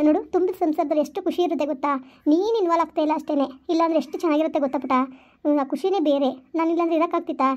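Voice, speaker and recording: A woman's voice: very high-pitched, fairly even intonation, racing, lo-fi sound. A woman voicing a patient mother who soothes and coaxes her crying daughter in a family skit. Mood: coaxing. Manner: soothing, coaxing, lecturing softly.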